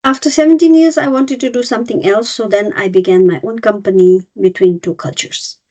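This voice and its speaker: A woman with a dark-toned, medium-pitched voice talks a little fast. She is a cross-cultural trainer in her fifties, from Nepal and India, presenting an online webinar step by step while often using fillers and restarting. It's recorded over a video call in dull, lo-fi quality.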